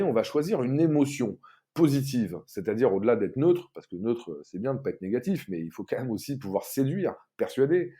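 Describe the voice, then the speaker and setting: A man explains sales ideas in casual, animated talk, pausing often on fillers. His voice is mellow and a little husky, with an everyday middle pitch. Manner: animated storytelling with many fillers. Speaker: sales trainer and podcast guest.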